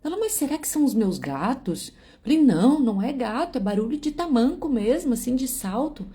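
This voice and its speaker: Animated woman telling a story. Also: sits high, a little fast. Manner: animated, acts out both sides of phone calls. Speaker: vlogger telling a personal story. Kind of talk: casual storytelling.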